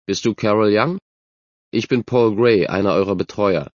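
A businesslike but friendly camp counselor from a storybook, as a man plays him, in a low, dry voice. He talks briskly and a touch loudly. The sound is dull. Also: dry recording, lightly acted.

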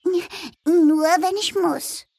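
A woman's voice: extremely high pitch, fairly even intonation, drawn-out words, vocal fry, darkish tone, dry recording, studio quality, pitched above the performer's own voice, full character voice. A woman voicing a small, sleepy, grumpy male flying carpet in a storybook reading, with a whiny, complaining voice. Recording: faint music behind.

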